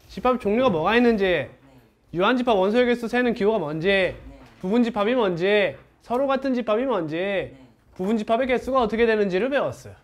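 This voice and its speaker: A male math teacher lecturing a class. His voice sits fairly high and jumps up and down a lot as he fires off questions to the students and answers them himself. He talks in a brisk, chatty classroom way.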